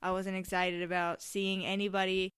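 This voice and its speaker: The voice is clean and a little bright, mid-range, with little pitch movement and a normal speed. It belongs to a seventeen-year-old hosting her own casual podcast, who keeps breaking off her thoughts and straying into side topics, recorded on a tripod mic.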